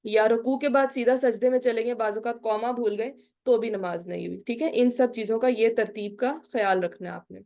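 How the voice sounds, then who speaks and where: Woman, religion teacher, fairly high voice, asks questions, careful slow recitation. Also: steady tone, mellow. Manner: quizzing listeners with repeated "ٹھیک ہے؟" checks. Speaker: Islamic studies teacher. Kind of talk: online lecture on prayer.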